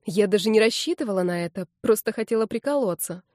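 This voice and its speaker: A woman reading a first-person novel aloud in a lively, expressive way. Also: mid-range voice, fast talker, no echo, studio quality. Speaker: audiobook narrator.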